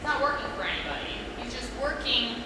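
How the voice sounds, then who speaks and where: A woman's voice: on the high side, expressive, fast. A woman leading a youth group Bible talk in a teacherly way, reading aloud and putting questions to her listeners. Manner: teacherly, prompting listeners to respond. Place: large reverberant room, recorded from a distance. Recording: echoey hall, distant mic, clear background noise.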